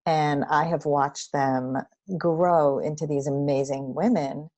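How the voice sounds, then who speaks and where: A woman's voice: deep voice, steady tone, takes it slowly, mellow. A woman hosting a podcast interview as a coach, speaking in an earnest, reflective and supportive way. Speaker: podcast host and dating coach. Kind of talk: casual interview conversation.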